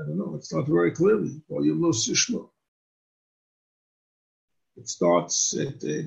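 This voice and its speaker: A man, a rabbi, answering questions on religious law in a deliberate, explanatory way and restating his points. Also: a little high, creaky, mellow. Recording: dull lo-fi recording.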